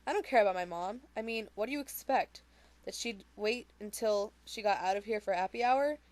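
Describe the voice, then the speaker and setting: A woman's voice: medium pitch, brisk, a little mellow, natural voice. A woman reading the lines of a wisecracking teenage girl in treatment who jokes and rambles with restarts. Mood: wry.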